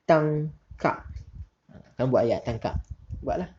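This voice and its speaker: A male teacher, giving a recorded lesson to pupils and reading out questions slowly and deliberately between relaxed asides. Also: on the high side, slightly rough. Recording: dull lo-fi recording.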